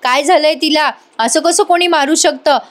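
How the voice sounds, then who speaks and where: A woman's voice: sits high, moderate pace, fairly bright tone, voice pushed up. A woman voicing an anxious, demanding mother-in-law.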